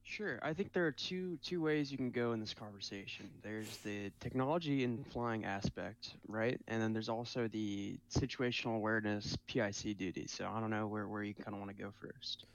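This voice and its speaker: Male podcast co-host, low gravelly voice, muffled lo-fi recording, easygoing. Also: normal speed, few pauses. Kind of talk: casual podcast chat. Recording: dull lo-fi sound.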